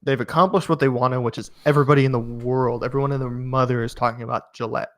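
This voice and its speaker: A young man co-hosting a podcast, making measured, analytical points with some fillers in casual chat. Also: mid-range voice, fairly even intonation, a bit bright. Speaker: podcast co-host.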